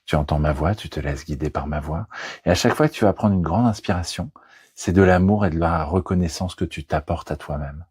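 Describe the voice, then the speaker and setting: A man with a low, husky voice guides a hypnosis session. His delivery is soothing and deliberate, recorded close and very dry, with no room sound around it. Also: a little mellow, no room sound.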